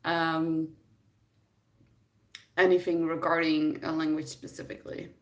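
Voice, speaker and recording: Speaking at a measured pace with a flat delivery, this Dutch woman, a native speaker from the Netherlands, has a low-sitting voice picked up from afar. She's on a live stream, reading viewers' questions and answering them in a relaxed, think-aloud chat.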